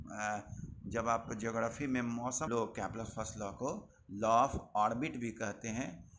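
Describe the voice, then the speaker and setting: A male teacher giving a live online class, dictating definitions slowly and checking in with students by name. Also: medium pitch, fairly bright tone.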